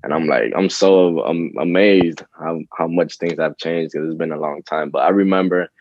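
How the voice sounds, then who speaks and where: A young man from the Dominican Republic, a rapper talking casually in an interview, relaxed and rambling with fillers. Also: low-pitched, moderate pace, dull audio. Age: young adult. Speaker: rapper guest.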